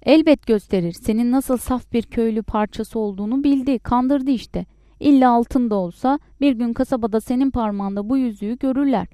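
A woman voicing a furious, sharp-tongued poor peasant wife who scolds loudly in a raised, shrill voice. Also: brisk, no echo, clean studio sound, natural voice. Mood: scolding.

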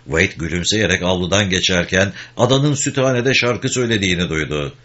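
A man narrating an audiobook with expressive storytelling. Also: deep voice, brisk. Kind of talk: scripted narration. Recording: dull lo-fi recording.

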